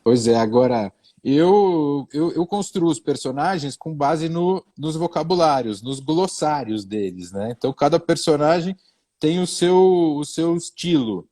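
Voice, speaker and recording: This middle-aged Brazilian man has a fairly high, expressive voice with a dark tone, and he takes his time speaking. As a comedian guest on a live stream, he talks hesitantly with repeated words, self-mocking humor, and bouts of pompous, old-fashioned phrasing in a Brazilian Portuguese accent.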